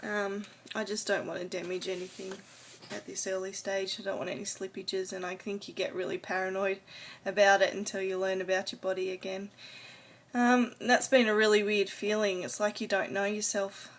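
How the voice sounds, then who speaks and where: An adult woman vlogs casually to camera, her personal video diary wandering a little hesitantly before trailing off. She speaks at normal speed in a flat, mid-range voice.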